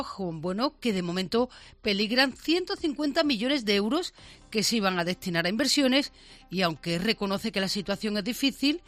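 Female radio newsreader, brisk and bright. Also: medium pitch. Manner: brisk, conversational news delivery. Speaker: radio news presenter. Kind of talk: radio news bulletin. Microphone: studio microphone.

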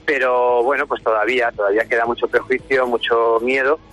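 A man's voice: mid-range voice, flat delivery, brisk, fairly bright tone, faint music behind, low-quality recording. A man answering spontaneously in a radio interview, hesitating and repeating words. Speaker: charity communications officer, interview guest.

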